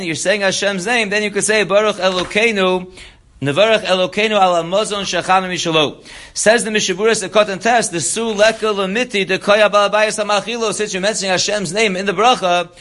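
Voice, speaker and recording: High-voiced man teaching a halacha lesson. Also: fairly bright tone. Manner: reads Hebrew text then explains in English. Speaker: Torah teacher.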